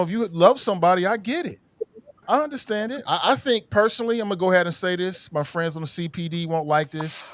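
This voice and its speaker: A man's voice: high voice, no echo. A man hosting a podcast over livestream headset audio, talking casually while under the weather, rambling and repeating words as he gives frank opinions. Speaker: podcast host.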